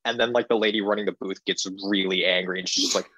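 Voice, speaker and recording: A man's voice: deep voice, steady tone, fast, pushed and bright, rough recording. A man chatting casually as a podcast co-host, recapping a movie in a rambling, amused way with many fillers.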